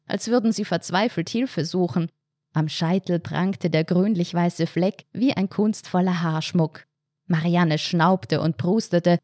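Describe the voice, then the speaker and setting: Woman reading a funny story, warm low voice, super dry recording. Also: no room sound. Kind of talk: scripted story narration.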